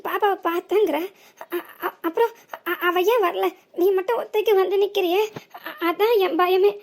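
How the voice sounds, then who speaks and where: A woman plays a fretful old cartoon grandmother from a village who scolds in a southern Tamil Nadu accent. The voice sits very high and breaks into stammers when her worry grows. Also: normal speed. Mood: anxious. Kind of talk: cartoon voice acting.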